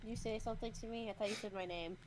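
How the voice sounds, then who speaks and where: A woman's voice: mid-range voice, fairly even intonation, rapid-fire, a little mellow, a little hiss or hum. A young woman in casual chat while drawing, talking in an eager, upbeat way. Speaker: co-host.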